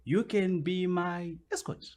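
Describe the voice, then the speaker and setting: A man's voice: sits high, takes it slowly, darkish tone. A man, a guest on a podcast interview, explaining his points at length and often circling back with "which basically means".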